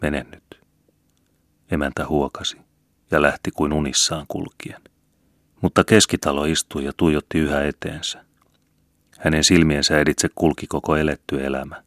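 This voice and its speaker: Very deep-voiced male audiobook reader. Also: fairly even intonation, dry recording, studio quality. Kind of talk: scripted narration.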